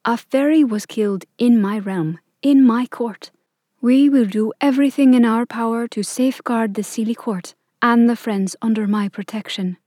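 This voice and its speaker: A woman's voice: on the high side, normal speed, mellow, dry recording, natural voice. A stoic fairy queen issues firm, clipped orders in a storybook reading, as a woman puts her on. Her voice is raised and sounds dry and close. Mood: commanding.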